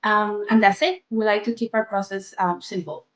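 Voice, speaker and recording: A woman's voice: mid-range voice, steady tone, normal speed, rough recording. A woman, a company co-director, speaking plainly and matter-of-factly. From Panama. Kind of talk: business interview.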